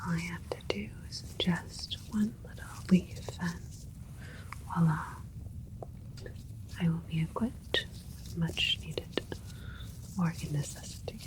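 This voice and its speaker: In a whispered ASMR sci-fi roleplay, a woman plays a gentle alien scientist doctor, soothing the listener with breathy, unhurried, halting phrases. Her voice sits fairly low, she sounds calm and grateful, and the recording is rough.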